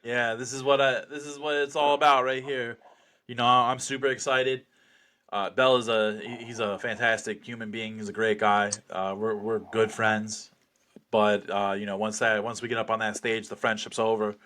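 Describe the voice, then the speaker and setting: A man's voice: on the low side, level tone, normal speed, pushed and bright. A man being interviewed as a fighter, chatting casually with cocky, sweary bravado.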